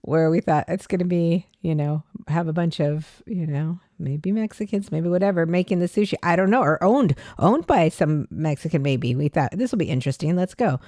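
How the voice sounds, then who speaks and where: A woman's voice: on the low side, moderate pace, hardly any pauses, warm tone, dry recording, clean studio sound. A woman who is the dining companion chimes in to correct and add details to the story.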